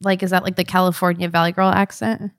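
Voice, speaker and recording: A woman hosting a podcast who reads measured scripted narration and then slips into light, teasing chat. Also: on the low side, level tone, no room sound, studio quality. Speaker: podcast host. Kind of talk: scripted narration and casual banter.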